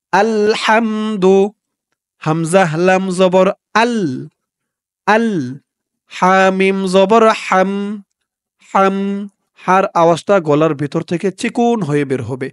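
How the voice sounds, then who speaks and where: A man giving a step-by-step recitation lesson, patiently spelling out sounds letter by letter and chanting the words slowly and drawn out. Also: on the high side, no echo, clean studio sound. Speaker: religious teacher.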